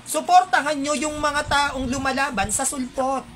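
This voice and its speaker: A woman's voice: high voice, fairly even intonation, moderate pace, fairly bright tone. A woman with a Filipino accent, delivering an indignant, heated monologue to her viewers with rhetorical asides.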